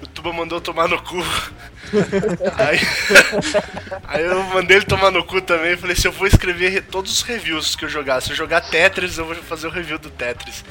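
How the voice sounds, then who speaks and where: A young man with a Brazilian accent, joking and swearing loudly in a casual podcast chat. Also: fairly high pitch, fairly even intonation, moderate pace, noisy background. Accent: Brazilian Portuguese. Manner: swears a lot, jokey, loud outbursts. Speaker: podcast co-host, game reviewer.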